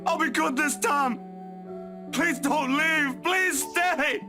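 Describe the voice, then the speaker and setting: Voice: high voice, slow, over music. An actor playing a frightened child who pleads desperately in a horror visual novel game. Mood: desperate pleading.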